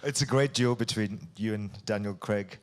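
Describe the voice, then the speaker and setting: A man hosting an interview, putting prepared questions in articulate, deliberate phrases. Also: fairly low pitch, smooth. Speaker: interviewer hosting an on-stage conversation.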